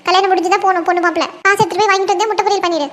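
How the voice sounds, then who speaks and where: A piercingly high, shrill cartoon mother-in-law, voiced by a woman, who nags and scoffs at her son's wife. She rattles off her scolding at a breakneck clip. Her scorn rarely lets up. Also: fairly even intonation, a bit bright. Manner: scornful, nagging, rapid scolding. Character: sharp-tongued scolding village mother-in-law. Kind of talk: cartoon voice acting.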